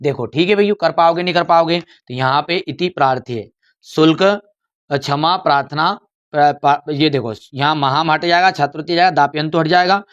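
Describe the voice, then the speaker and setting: A man's voice: a little high, moderate pace, a bit bright. A man teaching an exam-prep lesson, coaxing his students, repeating phrases and calling them "beta". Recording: dull lo-fi recording.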